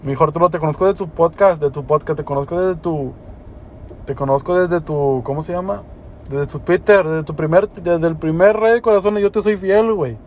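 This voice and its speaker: A man's voice: a little high, moderate pace, darkish tone, a little hiss or hum. Slangy young man, podcast host. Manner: slangy, swears, rambling and emotional. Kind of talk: casual podcast chat.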